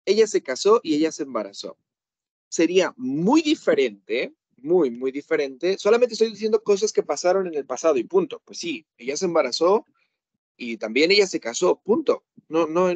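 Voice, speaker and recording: A man's voice: on the high side, lively intonation, moderate pace, a little mellow, no room sound, muffled recording. A man teaching English grammar to a class, explaining with everyday examples and checking in often.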